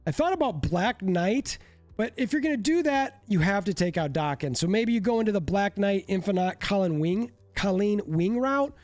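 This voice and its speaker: With a cold making him sound congested, a card game content creator gives casual, mildly self-deprecating deck breakdown commentary. His voice is high-pitched, expressive, and darkish, at normal speed, with no room sound and soft background music.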